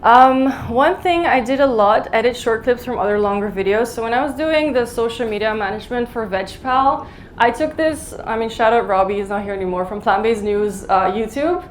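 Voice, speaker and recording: A woman giving a live conference talk, speaking fast and chatty with lots of "like" and "um" fillers. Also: on the high side, slight background noise. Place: conference hall in Mumbai.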